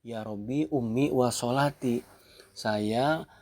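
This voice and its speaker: A man's voice: medium pitch, slow pace, darkish tone. A man voicing a devout male hermit who asks himself anxiously, mid-prayer, whether to keep praying or answer his mother. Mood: torn. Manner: anxious inner questioning.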